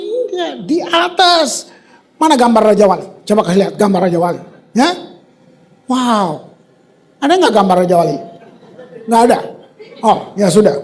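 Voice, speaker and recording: A man preaching a sermon in a church, animated and conversational, mixing casual slang with scripture and breaking into sudden loud bursts. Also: very high-pitched. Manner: casual street slang mixed with scripture reading. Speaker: pastor.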